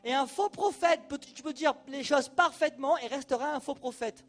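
A male preacher giving a sermon, animated and colloquial, talking straight to the congregation. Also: extremely high pitch, moderate pace.

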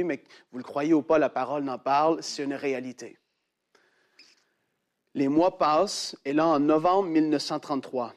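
Animated preacher, high-pitched man. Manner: animated storyteller who acts out quoted voices in a much higher pitch. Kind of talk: sermon storytelling.

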